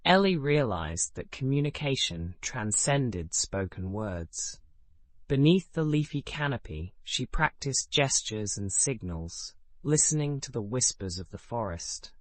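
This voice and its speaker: A man with a mid-range voice reads a scripted bedtime story, his pacing calm and measured. The ends of his sentences trail off, and there is no echo.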